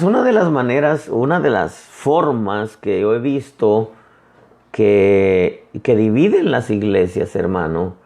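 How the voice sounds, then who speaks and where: Male pastor, conversational sermon, animated pitch, gravelly tone. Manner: conversational preaching, addresses listeners as brother; retells dialogues in lively quoted voices.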